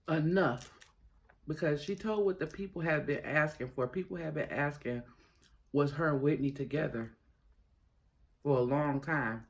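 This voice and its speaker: A man hosting a mukbang, talking casually to viewers with his mouth sometimes full, gossipy and emphatic, pausing and repeating phrases. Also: on the high side. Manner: talks while eating, mouth sometimes full. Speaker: mukbang host. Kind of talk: casual chatty commentary to viewers while eating.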